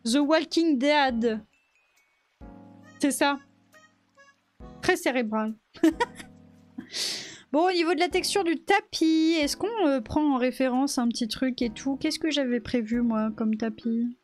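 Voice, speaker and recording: A woman's voice: high-pitched, slow pace, pauses often, soft background music. A woman live streamer chatting casually with her chat while she models in 3D, laughing often.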